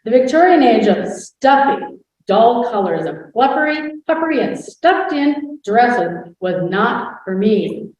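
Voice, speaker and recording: A historical impersonator gives a scripted first-person portrayal of a proud, witty 19th-century noblewoman, telling her story in a grand manner. Her voice is fairly high, sing-song, unhurried and slightly mellow. The dull recording comes from far off the mic in a very echoey, roomy hall.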